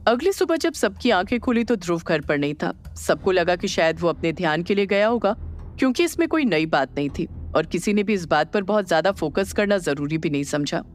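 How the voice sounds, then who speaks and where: Scripted audio drama narrator, steady pace, mid voice, soft music bed. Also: mid-range voice, fairly quick.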